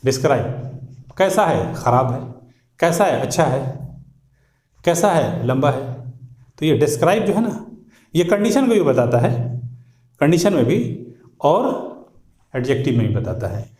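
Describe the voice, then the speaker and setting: A man's voice: on the high side, big pitch swings, a little slow, pauses often, darkish tone, reverberant. A man teaching English grammar, repeating words, drilling pronunciation and quizzing his listeners. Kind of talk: classroom grammar lecture.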